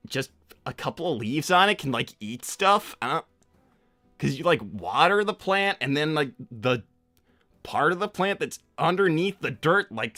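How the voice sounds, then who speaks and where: Sonic, bright hesitant young hedgehog, voiced by a man. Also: a little high, no echo. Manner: hesitant, rambling, casual. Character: Sonic, casual, slightly awkward young male cartoon hedgehog. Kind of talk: improvised in-character livestream Q&A.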